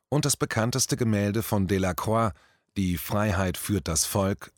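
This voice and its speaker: A man with a lowish voice reads a written commentary in a measured, deliberate way. The sound is dry and close, with no room around it. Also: dry recording. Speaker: commentary reader. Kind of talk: scripted commentary reading.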